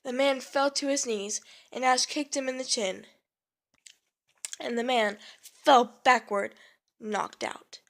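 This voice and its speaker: A young woman reads her own adventure story aloud, slow and halting, pausing to fix her slips. Her voice sits a little high and the reading never hurries. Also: fairly even intonation, gravelly. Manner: slow, halting reading with self-corrections and asides.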